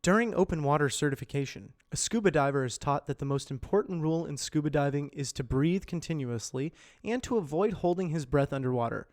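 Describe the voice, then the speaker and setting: An amateur voice actor reads scripted educational and corporate narration, using a measured explainer delivery with clear enunciation. His voice sits on the high side, animated, with a darkish tone.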